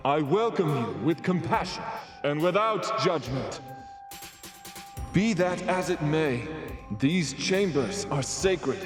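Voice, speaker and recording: An actor playing a pompous male alien cult lord with ceremonial speech in a video game. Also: on the high side. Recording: echoing chamber with music.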